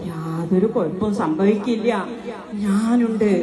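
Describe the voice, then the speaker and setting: A woman's voice: mid-range voice, a little slow, crowd noise, close to an everyday voice. A woman playing a kind homeless madwoman who comforts and looks after an old mother, in a comforting sing-song manner in a stage skit. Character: kind homeless madwoman, young, caring and protective. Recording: echoey hall, audience noise.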